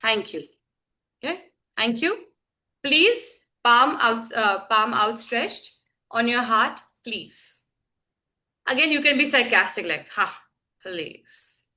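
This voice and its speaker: A woman's voice: on the high side, animated, a little slow, bright, forceful tone. A woman leading an online sign language workshop, chatty and demonstrative, laughing often, speaking over a video call.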